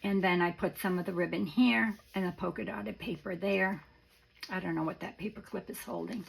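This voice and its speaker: A woman giving a casual, halting show-and-tell as a craft presenter, with a raspy, worn voice that is starting to go. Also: medium pitch, steady tone, slight background noise, poor audio. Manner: halting, rambling, informal. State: voice starting to go after illness.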